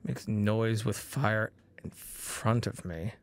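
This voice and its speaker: A man's voice: lowish voice, takes it slowly. A man hosting a let's play, joking through casual gameplay commentary. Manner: joking, laughs often.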